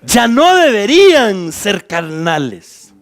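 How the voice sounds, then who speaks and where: A Guatemalan pastor preaches a Bible study with a voice that sits high for a man. His pitch swings widely as he works through the scripture point by point. He keeps turning to his listeners with direct questions. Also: very animated, slow. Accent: Guatemalan Spanish. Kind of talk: Bible study sermon to church leaders.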